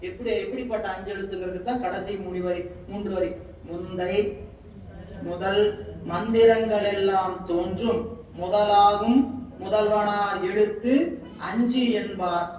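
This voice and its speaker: High-voiced male spiritual teacher, patient and repetitive; distant mic in a very echoey room, faint hiss. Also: a little mellow. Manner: slow, repetitive explaining with everyday examples. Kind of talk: devotional scripture commentary.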